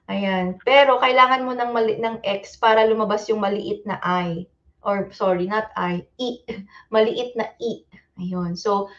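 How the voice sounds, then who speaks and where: A woman's voice: a little high, lo-fi sound. A woman with a Filipino accent teaching a casual livestreamed exam review, mixing Tagalog and English and repeating fillers like "ayan" and "okay". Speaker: Japanese language teacher.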